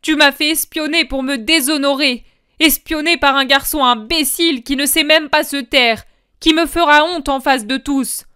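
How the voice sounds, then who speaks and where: A woman voicing a furious male traitor disciple, shouting bitter accusations in a dramatic audiobook reading. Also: sits high, moderate pace, no room sound, studio quality, voice pushed up.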